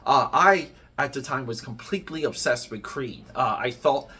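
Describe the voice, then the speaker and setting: Ranting man, bright forceful voice. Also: medium pitch, animated, normal speed, breathy edge. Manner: worked-up ranting, emphatic and blunt. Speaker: comics YouTuber. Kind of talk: opinionated rant to camera.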